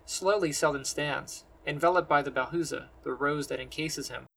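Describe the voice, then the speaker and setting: A man narrating a science-fantasy story in measured, descriptive storytelling. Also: a little high, vocal fry, fairly bright tone, poor audio. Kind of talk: scripted fantasy audiobook narration.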